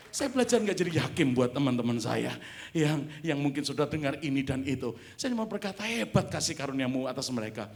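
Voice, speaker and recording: A man preaching a sermon in a church, animated, swinging from quiet asides to loud exclamations. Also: medium pitch. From Indonesia. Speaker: pastor. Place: church sanctuary.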